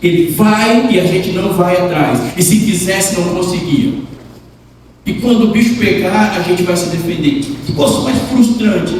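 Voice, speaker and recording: A man's voice: high voice, moderate pace, a little hiss or hum. Emphatic preacher man in an echoey hall. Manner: emphatic and dramatic, swinging between loud declarations and hushed near-whispers; asks the congregation direct questions. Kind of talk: sermon. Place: large church hall. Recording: echoey hall recording from far off.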